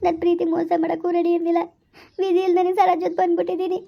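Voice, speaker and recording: Woman host talking to viewers, quick and flat, lo-fi sound. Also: extremely high pitch, creaky. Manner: chatty, asks viewers directly. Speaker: channel host. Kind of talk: video outro to viewers. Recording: dull lo-fi recording.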